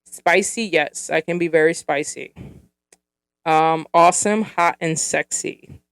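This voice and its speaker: A woman's voice: low voice, takes it slowly, clean tone, dry recording, studio quality. A woman in her thirties hosting a solo podcast, chatting casually and giggling, with lots of fillers as she goes. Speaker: podcast host.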